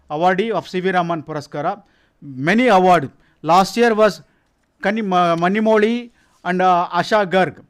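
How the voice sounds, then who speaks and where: A man speaking English with a Kannada Indian accent, giving an informal presentation in a halting, self-correcting, repetitive way. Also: sits high. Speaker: science organisation representative presenting its activities.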